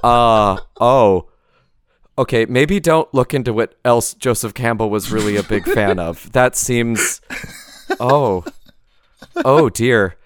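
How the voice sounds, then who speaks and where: A man hosting a casual film-discussion podcast, talking in an animated, joking way and swearing freely. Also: medium pitch, slow pace, clear, resonant tone, no room sound. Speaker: podcast host.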